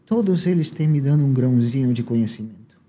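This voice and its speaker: Telling his story casually as a guest, the Uruguayan entrepreneur speaks quickly with lively intonation and a mellow, medium-pitched voice. His Uruguayan accent has a southern Brazilian lilt, and he tosses in lots of tag questions.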